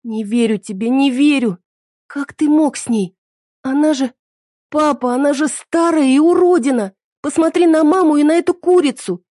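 A woman's voice: normal speed, mellow, no room sound, clean studio sound, lightly acted. A woman voicing a furious teenage girl who shrieks accusations at her father's mistress. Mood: shrill, furious. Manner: shrill, crying out.

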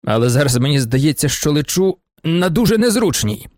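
A man reading an audiobook and voicing an idle young gentleman who mocks and sighs. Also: a little high, big pitch swings, moderate pace, no echo, studio quality. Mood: mocking. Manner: mocking, sighing.

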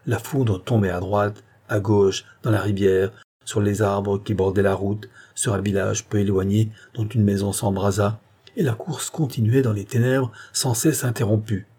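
Low, mellow male audiobook narrator. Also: fairly even intonation, husky. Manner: measured literary reading. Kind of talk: scripted narration.

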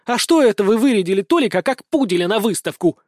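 A man voicing an indignant, rebellious young noble daughter with sharp, sarcastic outbursts in an audiobook. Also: high voice, expressive, fast talker, no room sound, studio quality, pitched above the performer's own voice. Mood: angry. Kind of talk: audiobook character voice.

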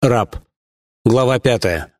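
A male audiobook narrator with a mid-pitched voice. He reads the story at a steady, even pace. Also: slow. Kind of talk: scripted narration.

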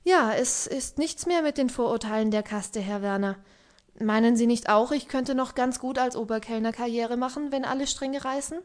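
An ironic, melancholy young baron, read by a woman in an audiobook. The voice stays dry and subdued and carries a quiet mocking edge, pitched fairly high. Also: normal speed, close to an everyday voice.

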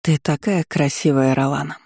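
A man reading an audiobook voices a loving, tearful grandmother with a gentle, slow manner. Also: fairly high pitch, steady tone, creaky, no room sound, clean studio sound. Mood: tender.

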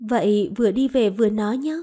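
A woman voicing a tender, doting young man in a storybook romance, speaking softly and slowly. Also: medium pitch, natural voice. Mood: gentle.

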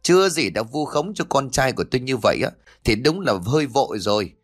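A man's voice: mid-range voice, big pitch swings, brisk, breathy edge. A man voicing a rich, scheming old village patriarch who sneers smugly. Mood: scornful. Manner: sneering, smug.

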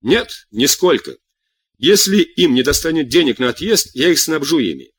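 A man voicing a calm, stubborn middle-aged king who answers with dry irony and long cool lectures, in an audiobook reading. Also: fairly high pitch, normal speed, slightly rough, no room sound, full character voice. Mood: sardonic. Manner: cool, sardonic, lectures at length.

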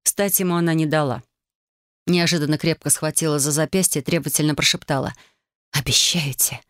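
A woman narrating a first-person novel as an audiobook, reading in a lively, expressive way. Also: low voice, quick pace, dry recording, studio quality.

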